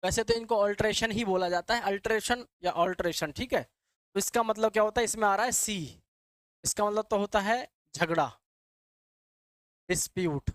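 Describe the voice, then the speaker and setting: A man's voice: high voice, moderate pace, fairly bright tone, dry recording. Guy teaching vocab, keeps repeating and asking the class, dry close sound. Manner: repetitive, quizzing students with call-and-answer; addresses students as "beta" and "bachche". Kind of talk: Hindi classroom lecture.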